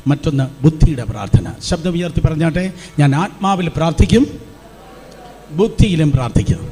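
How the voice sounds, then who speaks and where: A man preaches with fervour, calling on the congregation to repeat his lines back aloud. His voice sits high for a man, with a mellow, dark tone. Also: animated, fairly quick. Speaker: pastor. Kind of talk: Pentecostal sermon with call-and-response. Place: church hall before a congregation.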